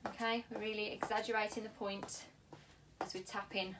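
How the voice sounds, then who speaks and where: Female fitness instructor, British, careful and unhurried delivery, mid-pitched voice, noticeable background noise. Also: flat delivery, distant mic. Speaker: exercise class instructor. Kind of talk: spoken exercise instruction to camera. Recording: clearly noisy room ambience.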